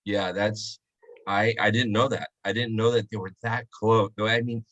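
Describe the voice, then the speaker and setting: A man's voice: on the low side, fairly even intonation, normal speed, a bit bright, lo-fi sound. Chatty male host telling stories. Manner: chatty storyteller, acts out quotes. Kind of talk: casual video chat interview.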